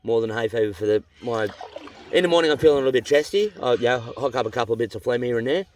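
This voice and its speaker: Rapid-fire and expressive, a middle-aged Australian man talks in a medium-pitched, slightly mellow voice with no echo. On a long canoe trip, he rambles casually for his vlog by a river among rocky cliffs, tired, chatty, slangy, and a bit runny-nosed, as birdsong sounds in the bush.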